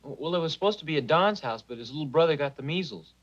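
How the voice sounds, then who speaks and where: A man's voice: on the high side, expressive, fast. Earnest young college man. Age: young adult. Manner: earnest, easily flustered. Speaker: son. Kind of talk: 1950s sitcom acting. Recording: dull lo-fi 1950s TV soundtrack.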